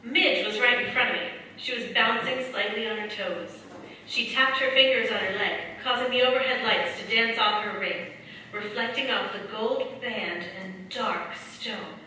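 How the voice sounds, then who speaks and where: An actress plays an earnest wartime heroine narrating her own adventure in a dramatic, scripted radio play style, composed as she recounts events. Her voice is a little high and sharp at a moderate pace, recorded on an echoey stage with a distant mic and faint noise.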